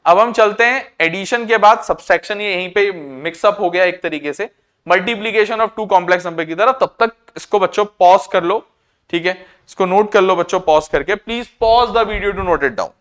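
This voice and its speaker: A man with an Indian accent teaching a maths class, explaining each step slowly and repeating himself. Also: high voice, a bit bright, smooth. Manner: repetitive, explains step by step, often says "I said". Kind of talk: classroom lecture to students.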